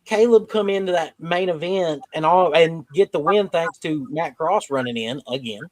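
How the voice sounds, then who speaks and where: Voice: medium pitch, normal speed, a little mellow, no room sound, poor audio. A podcast host walks through recaps in loose, rambling chat. The voice sits mid-range, recorded dry with no room around it.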